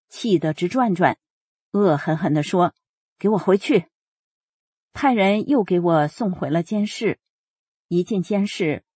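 Woman, narrator, earnest and steady, husky voice, dry recording. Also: fairly low pitch, dry recording. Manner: steady, earnest storytelling with quoted dialogue. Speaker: reader of a personal account. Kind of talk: first-person narration read aloud.

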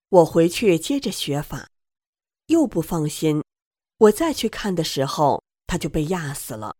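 Husky woman telling her story. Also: fairly low pitch, darkish tone, no echo, clean studio sound. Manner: plain storytelling, acts out quoted lines. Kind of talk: first-person testimony.

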